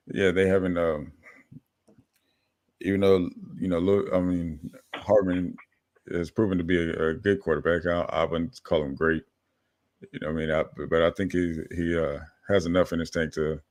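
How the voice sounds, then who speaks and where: A man's voice: sits low, a little mellow, dry recording. A man hosting a casual sports podcast, talking in a laid-back, hedging way. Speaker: podcast host.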